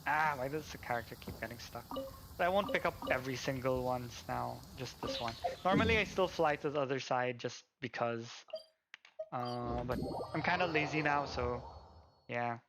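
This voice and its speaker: A man in a mid-range voice livestreams from home while gaming, speaking at a moderate pace and rambling as he thinks out loud. Game music plays underneath, amid heavy background noise.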